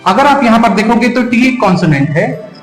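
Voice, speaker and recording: A man's voice: very high-pitched, lively intonation, moderate pace. A man with an Indian accent explains step by step, like a teacher in a lesson, calling his viewers friends. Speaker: English teacher. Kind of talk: classroom-style lesson. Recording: echoey room with long reverb, faint music.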